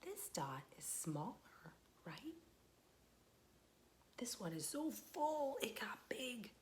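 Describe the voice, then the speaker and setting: With a fairly high, very animated voice and a slow pace, a young librarian shares a picture book with small children, gently asking questions and patiently waiting for replies. A little hiss or hum sits in the recording.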